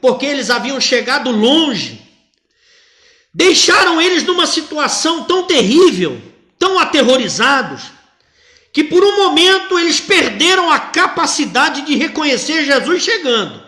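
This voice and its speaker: A man's voice: extremely high pitch, sing-song, measured pace, pushed and bright, reverberant. A male pastor preaching a sermon emphatically, repeating key lines.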